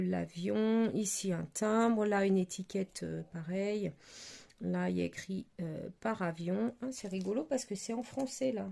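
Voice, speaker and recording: A woman talks through craft supplies in a relaxed show-and-tell. Her voice has a gravelly, mellow texture. She hesitates often and fills her pauses while hunting for words. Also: mid-range voice. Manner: hesitant, many fillers and searching for words. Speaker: crafting vlogger. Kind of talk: casual product show-and-tell.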